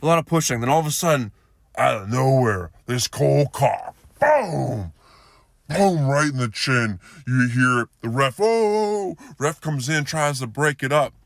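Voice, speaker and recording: A hockey coach telling a wild story casually, excitable and animated, tripping over repeated words. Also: male voice, medium pitch, unhurried, vocal fry, no echo.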